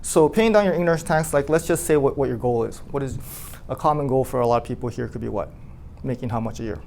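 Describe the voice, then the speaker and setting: A man speaks to his sales team in an easygoing, animated way, leaning on "like" and putting questions to the room. His voice sits at a middle pitch, neither high nor low. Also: fast talker, vocal fry, a little hiss or hum. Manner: animated, asks the room questions, many "like" fillers. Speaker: insurance agency owner addressing his team. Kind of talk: storytelling team talk.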